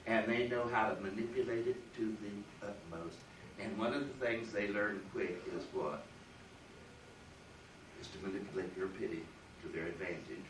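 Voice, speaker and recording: A man's voice: lowish voice, moderate pace, background noise. A man giving a university philosophy lecture, emphatic and leaning hard on key words, recorded from across a lecture room. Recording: roomy lecture hall from far off, faint ambience.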